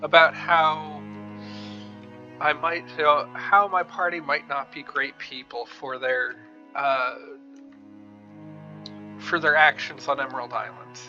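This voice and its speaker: A man's voice: on the high side, steady tone, slow pace, long pauses, bright, forceful tone, lo-fi sound, faint music behind. A man giving casual game commentary, musing aloud in a wry way as he plays. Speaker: gamer narrating a playthrough.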